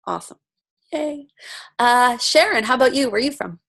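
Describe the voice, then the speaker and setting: A woman's voice: on the high side, animated, moderate pace, gravelly, a bit bright. A woman from Romania hosting an online coaching session over a video call, upbeat and chatty as she greets each guest by name. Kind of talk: casual video-call welcome and introduction.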